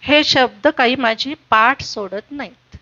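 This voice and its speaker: A woman narrating a reflective literary reading in a measured way. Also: high-pitched, sharp tone, highs cut off. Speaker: reader at a literary stage program.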